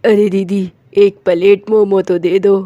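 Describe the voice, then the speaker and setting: A woman's voice: medium pitch, little pitch movement, a little slow, mellow, dry recording, dull audio, natural voice. A woman voicing a cheerful village man buying snacks in a cartoon story.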